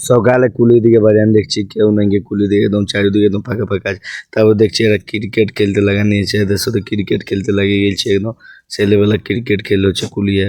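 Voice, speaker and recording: A hoarse man with a Purulia Bengali accent, narrating his day in a rambling, repetitive vlog voice. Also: lowish voice, level tone, racing, darkish tone. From West Bengal. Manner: rambling, repeats "একদম" and "সেই লেভেলের". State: hoarse, sore throat. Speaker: vlogger.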